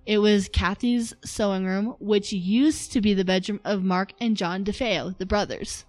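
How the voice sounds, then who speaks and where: A woman hosts a podcast and walks through a story in a relaxed, conversational way. Her voice sits mid-range and sounds dry and close to the microphone. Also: mid-range voice, unhurried, no echo, soft background music. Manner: narrates from notes, chatty with laughs. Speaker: podcast host.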